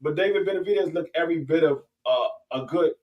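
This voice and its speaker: A man's voice: on the high side, fast, far from the mic, lo-fi sound. A man on a boxing podcast who agrees readily, repeats himself and stumbles over his words. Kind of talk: casual boxing talk.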